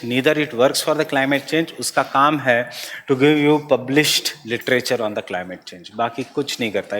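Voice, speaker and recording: A man with an Indian accent teaching an exam-prep class, dictating slowly and repeating each phrase so students can write it down, then explaining in a mix of Hindi and English. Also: medium pitch, a bit bright, big-room sound, slight background noise.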